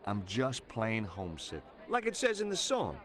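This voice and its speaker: A man's voice: lowish voice, wildly swooping pitch, moderate pace, fairly bright tone. A man playing a wry, easygoing adventurer in a video game. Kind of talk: video game voice acting with narration.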